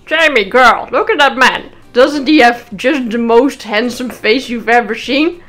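A loud, gushing old grandpa, slightly high-pitched, fussing about a handsome face, as a woman puts him on. He talks to the neighbour like a close friend, with soft music playing underneath. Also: a little slow. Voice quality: gushing, emphatic. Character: chatty elderly man gushing over a handsome neighbour.

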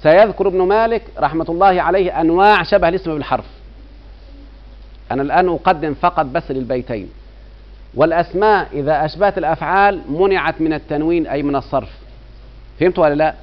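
A man's voice: on the high side, fast. A middle-aged man with an Egyptian Arabic accent teaching grammar, constantly asking his students whether they follow. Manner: keeps quizzing students with rhetorical checks. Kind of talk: classroom lecture. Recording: dull lo-fi recording.

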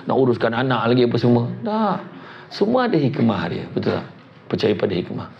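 A middle-aged man with a Malaysian Malay accent giving a humorous motivational lecture in a library hall, animated and joking. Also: fairly quick, vocal fry. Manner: animated and joking, acts out quotes in high voices. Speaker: motivational preacher. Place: event hall at a public library. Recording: dull lo-fi live recording with background noise.

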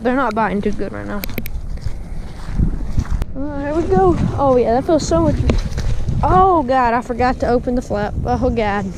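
Chatting casually beside a windy pond, a young fishing vlogger speaks in an extremely high, expressive voice at normal speed, with long pauses. He calls his viewers "guys" and "dude," and his body-mounted action camera picks up plenty of outdoor wind noise.

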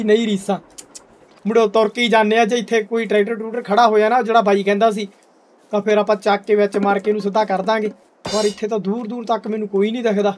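A young man giving casual gameplay commentary, full of hearty, exclamatory banter aimed at his viewers. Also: high voice. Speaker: gaming video host. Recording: distant mic, faint background noise.

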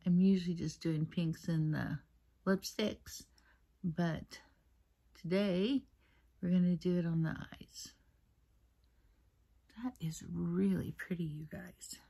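Using only her camera's built-in mic at her mother's place, a beauty vlogger does a casual get-ready-with-me makeup chat. Her lowish voice carries vocal fry, and she talks in a soft, half-whispered, rambling way.

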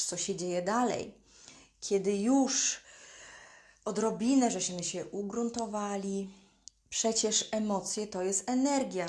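A woman's voice: mid-range voice, darkish tone. A woman giving a live motivational talk as a coach, speaking directly to her listeners. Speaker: life coach.

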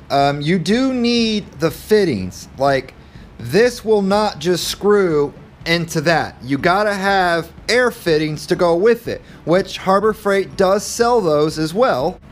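A man in his thirties casually unboxing and reviewing tools, plain-spoken and a little self-deprecating, recorded on a camera mic in a cluttered indoor garage workshop. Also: high-pitched. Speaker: channel host reviewing tools.

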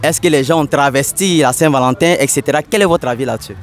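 Speaking quickly in a higher register, a young Togolese French-accented man fronts a vox pop outdoors. He addresses the camera through a small handheld mic at his mouth while faint music plays behind him.

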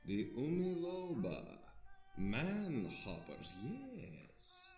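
In an audio drama, a man plays an old, learned scholar clutching an ancient scroll, lecturing earnestly in grand, archaic tones. His voice sits a little high, swings hugely in pitch, moves extremely slowly, and is heavily acted. The room is reverberant, with music underneath.

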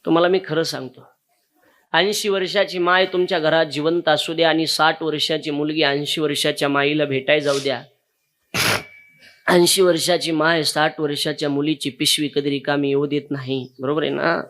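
This kirtan preacher addresses the audience directly as he relates an emotional, moving story. He sounds a little high and a bit bright, keeping a flat delivery at normal speed.

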